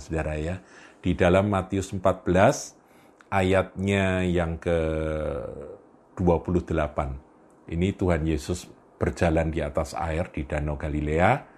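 A man's voice: sits low, darkish tone. A male preacher delivering a sermon in a storytelling manner, often chuckling and addressing his listeners directly.

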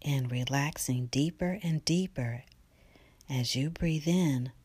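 A woman leads a guided relaxation meditation at a very slow, unhurried pace, her low voice drifting often into a soft whisper. The sound is dry and close, with no room around it. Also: husky, dry recording.

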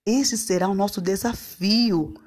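A woman's voice: mid-range voice, a little slow, a little mellow, breathy edge. A woman, a preschool teacher talking in a playful, singsong way to young children. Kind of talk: lively talk to young children.

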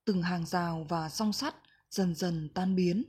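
A woman reading a reflective book passage aloud in a slow, gentle, measured way. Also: on the low side, breathy edge. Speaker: book reader.

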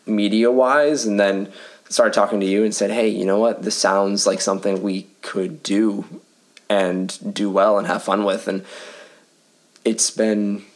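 A man co-hosting a podcast in relaxed, casual chat. His voice sits fairly low, and he talks fast and laughs easily. He is recorded in a cozy living room full of pillows. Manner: fast-talking, laughs often. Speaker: podcast co-host.

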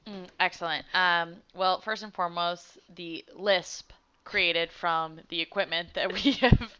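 A woman's voice: lowish voice, fairly even intonation, a little slow, pushed and bright, slight background noise. A woman in her thirties co-hosting a casual podcast, chatty and laughing often. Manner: chatty, laughing, acts out quoted voices. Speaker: podcast co-host. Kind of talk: casual chat. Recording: dull lo-fi borrowed equipment.

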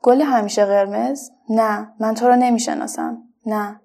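A woman voicing a shy, timid paper butterfly in a children's story, speaking quietly and hesitantly. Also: fairly high pitch, fairly even intonation, vocal fry. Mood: frightened.

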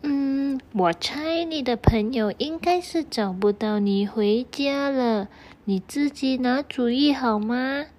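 Storybook role: a woman playing a kind shop lady, gentle, slightly high, slow and soft-spoken.

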